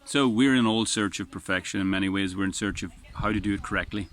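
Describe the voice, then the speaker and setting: Speaking fast, this male vlogger has a strong voice on the low side with a slightly bright quality. He sits outside on a beach, reflecting casually in an earnest, meandering manner and restarting sentences frequently, as faint wind plays in the background.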